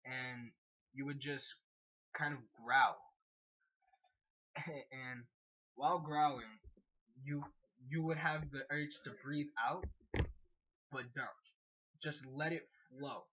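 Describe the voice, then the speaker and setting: A man teaching beatboxing basics in a relaxed, casual way, with fillers and small jokes. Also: medium pitch, takes it slowly, pauses often, highs cut off. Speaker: beatbox tutor. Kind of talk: casual how-to demonstration.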